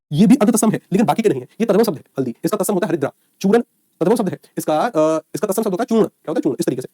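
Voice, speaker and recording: A man's voice: high voice, warm tone, no echo, studio quality. A man teaching an online exam-prep lecture, quizzing his students and answering his own questions, with folksy asides.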